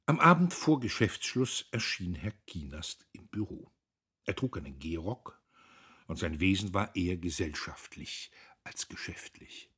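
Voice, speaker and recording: A man narrating a classic novel as an audiobook in an expressive, dramatic reading. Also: sits low, a little slow, slightly rough.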